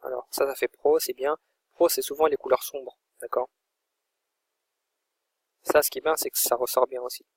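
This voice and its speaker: A man narrates a screen-recorded tutorial in a loose, thinking-aloud way, narrating every click as he makes it. His voice is mid-pitched with a slightly husky edge. The sound is dry and close, with no room echo. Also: steady tone, normal speed, long pauses. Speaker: online course instructor.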